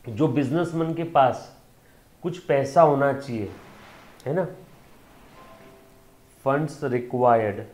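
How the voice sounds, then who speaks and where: A male commerce teacher gives an online lecture at a middle pitch. He coaxes his students along and keeps checking that they follow, dropping English terms into his sentences. The room around him is noticeably echoey. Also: slow pace, pauses often, a little mellow. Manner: coaxing, checks students' understanding; mixes Hindi with English terms.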